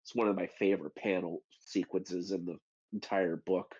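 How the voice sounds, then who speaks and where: A man hosting a book club chat, retelling the story in a loose, animated way and acting out quoted lines with sudden high bursts. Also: moderate pace, breathy edge. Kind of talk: casual chat. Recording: dull lo-fi audio.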